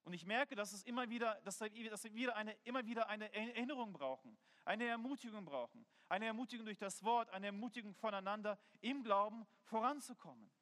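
A man's voice: high voice, a little fast, few pauses, a bit bright. A man preaching a sermon in an earnest, conversational way, telling personal stories. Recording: long hall reverb.

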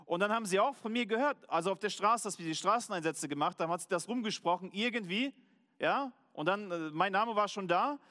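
A German man preaching a sermon as pastor, earnest, slowing down to stress key words. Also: high voice, bright, forceful tone, big-room sound.

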